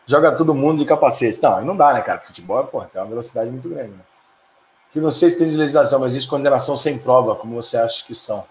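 A man's voice: medium pitch, a little hiss or hum. A middle-aged man with a Brazilian Portuguese accent hosting a live stream, reading viewer comments and answering them in a profane, heated, ranting way. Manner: profane, fiery, quick to anger and rant. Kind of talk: casual heated live chat. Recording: echoey room.

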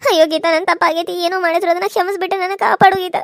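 A woman's voice: very high voice, fairly even intonation, racing, gravelly, dry recording, studio quality. A woman voicing a frightened village woman in a cartoon serial, pleading tearfully.

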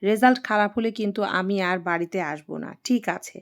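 Patient young husband in an audio story, read by a woman, gentle and teasing. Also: medium pitch, brisk, lightly acted.

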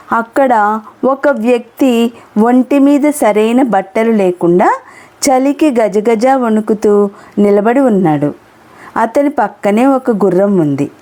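A woman teacher, telling a moral story to children in a clear, explanatory way. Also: on the high side, mellow. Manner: clear, explanatory, glosses local words. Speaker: Telugu teacher.

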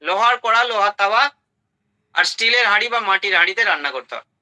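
A man's voice: sits high, expressive, fast talker, sharp tone, poor audio. A man giving a health talk to an audience, emphatic, listing items in short bursts and asking rhetorical questions. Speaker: health speaker.

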